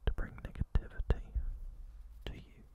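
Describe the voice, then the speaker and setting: A young man giving a soothing whispered ASMR pep talk of positive affirmations, breathy and deliberate, close to a studio microphone. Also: muffled recording. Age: young adult. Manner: soothing, slow, deliberate phrasing with pauses. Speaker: ASMR creator. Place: small indoor room. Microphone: close-up studio condenser microphone.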